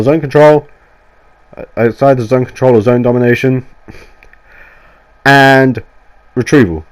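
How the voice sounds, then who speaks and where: A male gaming YouTuber, nasal and sweary with a cold, delivers a casual game review voiceover into a voiceover mic. His voice is medium-pitched with a darkish tone. He rambles enthusiastically and frequently starts over.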